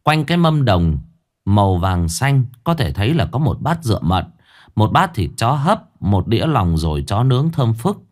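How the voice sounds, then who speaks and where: Man, low voice, lively pitch, dramatic horror story narration. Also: normal speed.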